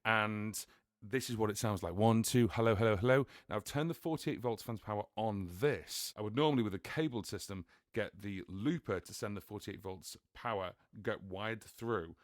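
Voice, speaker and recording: A man's voice: on the low side, normal speed, dry recording. A British man, a musician, chatting casually as he explains and tests audio gear, leaning on fillers like "obviously". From United Kingdom. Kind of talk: casual gear review and demo. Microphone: studio microphone.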